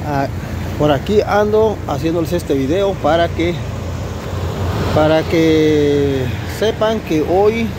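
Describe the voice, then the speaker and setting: A man's voice: fairly high pitch, slow. Earnest Mexican man vlogging from his phone. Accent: Mexican Spanish. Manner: chatty, repetitive, earnest. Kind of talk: casual selfie vlog. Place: street outdoors, then inside a parked car. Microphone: phone camera at arm's length. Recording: phone audio with loud street and car noise.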